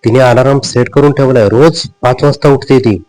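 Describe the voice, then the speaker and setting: A man's voice: mid-range voice, fairly even intonation, normal speed, darkish tone, no echo, natural voice, poor audio. A man voicing a flustered young husband who hesitates, fumbles and repeats himself as he answers his mother.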